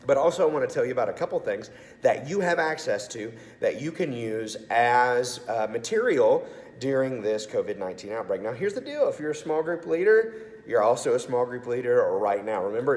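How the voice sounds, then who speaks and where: A man's voice: mid-range voice, expressive, moderate pace, darkish tone. A man with a congested, sore-throated voice gives an upbeat, informal video message as a youth pastor. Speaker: assistant pastor of student ministry. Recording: echoey, reverberant room sound.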